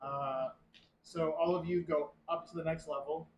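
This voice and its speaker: Casual male game master, slightly high voice, light background hum. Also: fairly even intonation, moderate pace. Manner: casual, laughs often, talks with mouth full. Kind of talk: running a tabletop game.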